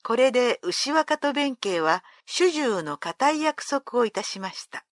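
A woman reading an old folk tale aloud as storyteller, in a clear, expressive way. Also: fairly high pitch, measured pace, no echo, studio quality.

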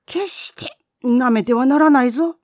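A woman voicing a stingy old Buddhist priest who scolds and shouts at his boy. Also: sits high, moderate pace, dry recording, studio quality, voice pushed up, natural voice. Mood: stern warning.

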